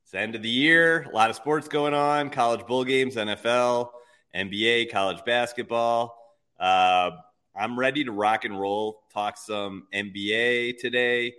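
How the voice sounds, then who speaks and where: This guest on a live betting show is a sports bettor walking through his picks, upbeat and easygoing. He has a mid-range voice with steady intonation, a little slow, with a pushed, bright quality and clean tone.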